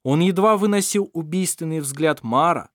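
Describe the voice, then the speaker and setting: A man reading an audiobook in a steady, measured storytelling manner. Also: a little high, no echo, clean studio sound. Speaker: audiobook narrator. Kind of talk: scripted narration.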